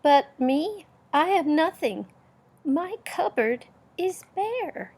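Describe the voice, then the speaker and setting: A woman's voice: sits high, big pitch swings, slow, darkish tone, voice pushed up, heavily acted. An older woman voicing a big, humble, plaintive bear in a children's storybook. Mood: downhearted. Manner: plaintive, sighing.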